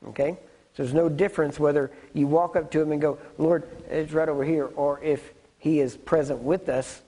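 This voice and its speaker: Preacher, male, fairly high husky voice, chatty teaching sermon that keeps asking "right?". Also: mellow, rough recording. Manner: conversational, keeps checking in with "right?" and "you see what I'm saying?".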